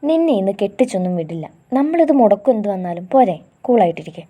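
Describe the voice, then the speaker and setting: A woman voicing a supportive young female friend who talks briskly and comfortingly. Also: mid-range voice, sing-song, warm tone, husky.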